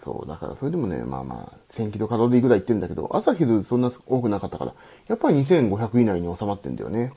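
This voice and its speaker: A man's voice: lowish voice, huge pitch swings, rapid-fire, creaky, few pauses, dark tone, slightly rough. A man hosting a late-night solo live radio stream, rambling and chatty, reading listener comments aloud and answering them.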